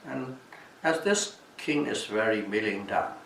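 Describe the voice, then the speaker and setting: A man with a Burmese accent giving a Buddhist talk as a teacher, telling stories in a deliberate, halting way and repeating phrases for emphasis. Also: on the low side, lively intonation, creaky, fairly bright tone. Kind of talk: dhamma talk with storytelling. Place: echoey room at a retreat. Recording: distant mic, echoey room, background hiss.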